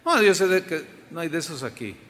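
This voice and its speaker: A man's voice: fairly high pitch, very animated, fairly quick, fairly bright tone. A man preaching a sermon to his congregation, emphatic and often asking them questions. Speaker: pastor. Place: church sanctuary. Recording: long reverb of a large hall.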